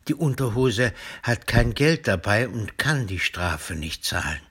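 Husky lowish guy reading a kids story out loud, bright tone. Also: expressive, a little slow. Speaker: narrator.

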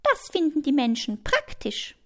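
A woman voicing a giggly, easily frightened female spider in a storybook reading, with a high, shrieky voice. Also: wildly swooping pitch, unhurried, fairly bright tone, heavily acted. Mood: proud. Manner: shrieking, then chirpy and proud.

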